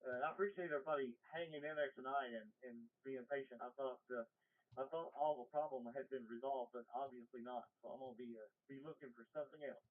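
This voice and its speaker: A man's voice: medium pitch, steady tone, fast talker. Man over a tinny radio link. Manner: easygoing, calling out for stations. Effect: heard over a radio link, thin and distant. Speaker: net control operator. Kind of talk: amateur radio net check-ins. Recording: tinny distant radio transmission.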